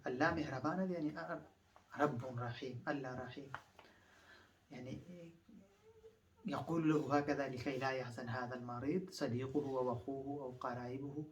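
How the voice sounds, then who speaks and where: A man's voice: mid-range voice, far from the mic. Man teaching phrases, mic set back. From Afghanistan. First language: Pashto. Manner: repeats each phrase several times, explains patiently with many fillers. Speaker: language teacher. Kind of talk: phrase-by-phrase language lesson.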